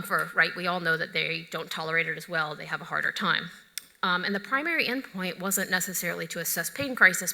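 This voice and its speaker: A woman's voice: lowish voice, pushed and bright. A middle-aged woman physician giving a conference lecture, conversational and opinionated, with joking asides. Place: large conference hall. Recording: echoey lecture hall.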